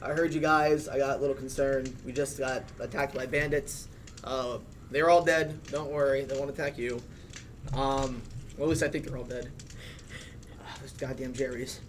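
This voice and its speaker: A man's voice: mid-range voice, fairly even intonation, normal speed, slight background noise. A man playing a tabletop game, speaking in character in a sarcastic way, with frequent swearing. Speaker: player. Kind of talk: casual tabletop role-play.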